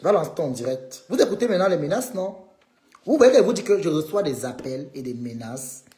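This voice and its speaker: A man's voice: on the high side, very animated, fairly quick, warm tone, echoey room. Combative man ranting on a live stream. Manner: combative, needling, addresses viewers directly. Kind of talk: live-stream rant to viewers.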